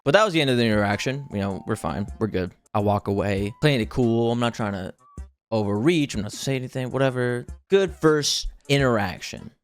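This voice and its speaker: A man's voice: mid-range voice, expressive, fairly quick, clear, resonant tone, soft background music. A man in his twenties telling a story to a chat in a casual, slangy, conversational way. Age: 20s. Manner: conversational, slangy, acts out quoted dialogue.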